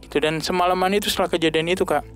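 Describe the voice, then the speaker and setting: A young man giving an earnest, halting personal testimony as a podcast guest. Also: fairly even intonation, fairly bright tone, soft background music. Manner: earnest, halting, pitch rising when emotional.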